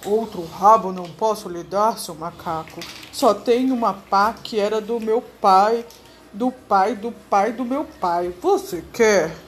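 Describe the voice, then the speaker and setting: A woman's voice: mid-range voice, slow pace, faint music behind, natural voice. A woman voicing a blunt grown man who drives a cart, in a storybook read-aloud. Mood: firm.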